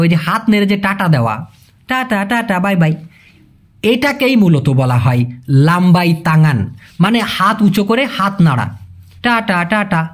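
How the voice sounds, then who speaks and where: In a casual video lesson, a man with a high-sitting voice teaches a language, patiently explaining, repeating key terms, and quizzing his viewers.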